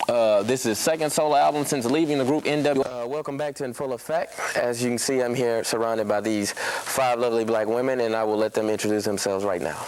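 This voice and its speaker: Halting young male talk-show host. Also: mid-range voice, a little mellow, a little hiss or hum, rough recording. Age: young adult. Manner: halting, many "uh" fillers. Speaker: student TV host. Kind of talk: hosting a college talk show.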